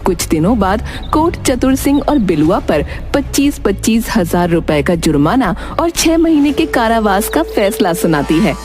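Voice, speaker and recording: With music playing clearly in the background, a female narrator reads a scripted cartoon story in a highly animated pitch. Her pace is moderate, and she barely pauses.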